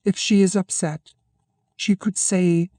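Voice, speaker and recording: A woman reading nonfiction audiobook narration in a measured, even way, reading each section heading aloud. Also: on the low side, dry recording.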